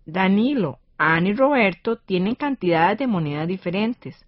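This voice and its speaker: A woman's voice: mid-range voice, expressive, moderate pace, no echo, highs cut off. A woman with a Costa Rican accent hosting a scripted educational radio lesson.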